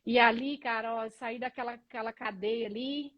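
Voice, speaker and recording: A Brazilian woman with a slightly high voice and a Brazilian Portuguese accent, recounting her own story as an interview guest. She tells it with feeling and animation, and slips into the voices of the people she quotes. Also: normal speed, lo-fi sound. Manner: animated, acts out other people's dialogue. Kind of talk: emotional personal storytelling.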